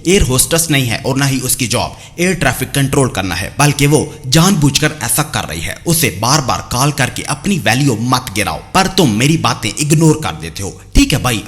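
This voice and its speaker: A man's voice: medium pitch, very animated, normal speed, few pauses. Sarcastic man lecturing in voice-over. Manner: sarcastic, lecturing, addresses listeners as brothers. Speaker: channel host. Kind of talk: scripted voice-over monologue.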